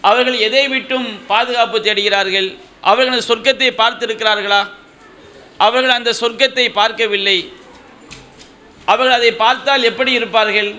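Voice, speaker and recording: Male preacher, high-pitched, very sharp bright voice, rally-speech sermon, declamatory phrasing, emphatic pauses. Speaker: Islamic preacher.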